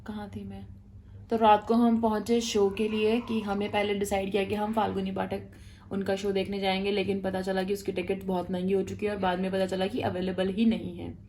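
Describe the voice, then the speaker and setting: A woman vlogger in casual storytelling to camera, chatty and animated, talking straight to her viewers. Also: mid-range voice, a little fast, a little hiss or hum.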